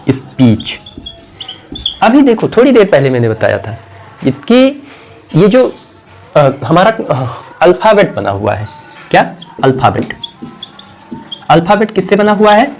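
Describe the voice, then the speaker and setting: Male teacher, a bit high-pitched, quizzes and repeats, throat-clearing habit. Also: big pitch swings, takes it slowly, long pauses. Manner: asks questions and answers them himself, repeats key words; clears his throat now and then. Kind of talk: classroom grammar lesson.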